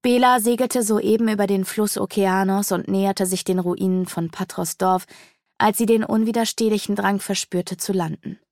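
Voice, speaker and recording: Gravelly-voiced woman narrating a fantasy audiobook. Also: medium pitch, steady tone, normal speed, darkish tone, no room sound, studio quality.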